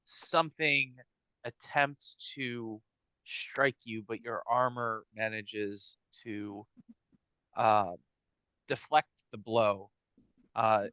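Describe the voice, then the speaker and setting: Slow, crisp, bright-voiced male game master. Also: fairly low pitch, no room sound, lo-fi sound. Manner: halting, deliberate descriptive delivery. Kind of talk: improvised tabletop game narration.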